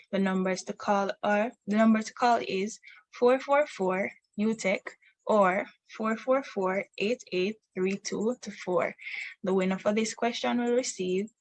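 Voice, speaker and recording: A young woman hosts a student quiz show, reading each question aloud in a formal, scripted way. Her voice sits in a middle pitch. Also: poor audio. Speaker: quiz host.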